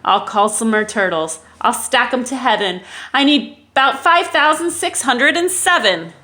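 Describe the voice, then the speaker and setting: A woman voicing a pompous, bossy male turtle king who shouts commands and brags. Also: fairly high pitch, lively intonation, a little slow. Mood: indignant.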